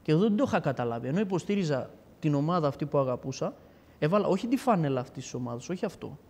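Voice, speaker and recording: A man's voice: a little high, breathy edge. A man giving a personal testimony in a casual storytelling way, acting out the dialogue as he tells it. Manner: animated storyteller who acts out dialogue. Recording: long hall reverb.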